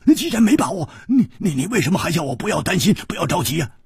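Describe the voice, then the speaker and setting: A man's voice: sits high, sing-song, fast talker, gravelly, husky, no room sound, studio quality, full character voice. A man voicing a hot-tempered young male swordsman who bursts out and stammers in a storybook tale. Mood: anxious. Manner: loud, stammering outbursts.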